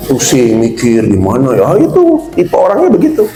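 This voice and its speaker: A man's voice: mid-range voice, normal speed. A middle-aged man giving a casual seminar on workplace communication, chatty and slangy, acting out bosses and coworkers as he talks. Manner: animated, acts out quoted bosses and coworkers. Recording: roomy hall with faint music.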